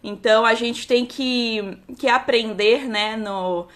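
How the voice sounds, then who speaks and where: Slowly and in a fairly high, fairly bright voice, a Carioca enologist in her thirties from Rio de Janeiro, Brazil talks casually on a live stream. Her speech is chatty, packed with "né" and "tá" fillers, and marked by restarts.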